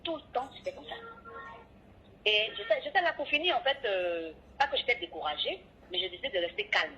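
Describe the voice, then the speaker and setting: On a tinny phone line, a female radio and TV presenter tells the story of an ordeal with lively energy, acting out every voice in the conversation. Her fairly high voice runs a little fast, and a faint hiss or hum can be heard.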